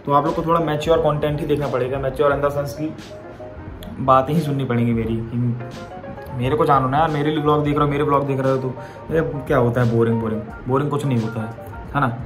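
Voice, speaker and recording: A young man rambles to camera in his casual daily vlog, the phone held at arm's length. His voice is medium-pitched, steady, and fairly quick, with music in the background.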